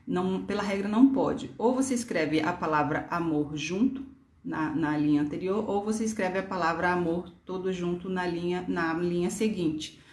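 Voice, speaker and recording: A woman's voice: fairly low pitch, normal speed, darkish tone. A woman teacher with a Brasília Portuguese accent, patiently explaining grammar and spelling words out letter by letter. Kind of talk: online grammar lesson. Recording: echoey room.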